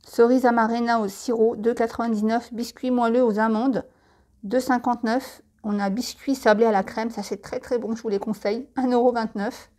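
A woman's voice: on the high side, steady tone, moderate pace, darkish tone. Chatty French woman reading prices. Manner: chatty, lists prices with asides and tips. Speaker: catalogue presenter. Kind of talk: casual product catalogue read-through.

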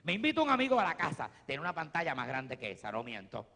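A Puerto Rican comedian performing stand-up on a theater stage, talking in a lively way with big swings in his voice. His tone is fairly high and gravelly, and it rings with a long echo off the hall. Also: fast talker. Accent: Puerto Rican Spanish. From Puerto Rico. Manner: animated, swings from low asides to loud shouts.

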